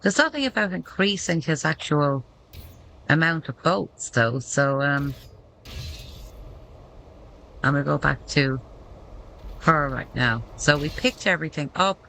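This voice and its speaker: A woman talks through her gameplay at a slow, easy pace, reading menu text aloud as she thinks. Her voice is bright and tense, with a gravelly fry underneath. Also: deep voice, animated, slight background noise, low-quality recording. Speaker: gameplay commentator. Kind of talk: casual gameplay commentary.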